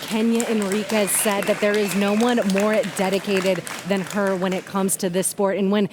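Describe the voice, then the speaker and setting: A woman's voice: mid-range voice, level tone, normal speed, a crowd in the background, noisy background. A woman hosting a live combat sports broadcast in an upbeat presenting style. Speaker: fight broadcast host.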